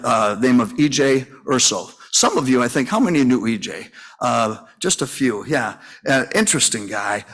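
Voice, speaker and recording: A man's voice: medium pitch, fairly bright tone. Rambling folksy man in his sixties. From Minnesota, US. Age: 60s. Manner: folksy, rambling storytelling with many fillers and restarts. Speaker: funeral home owner and conference speaker. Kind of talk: conference breakout talk. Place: conference session room.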